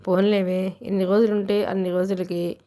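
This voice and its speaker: A woman's voice: medium pitch, flat delivery, normal speed, warm tone, lightly acted. A woman voicing a fond, fussy old grandmother in an audiobook novel. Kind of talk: audiobook narration.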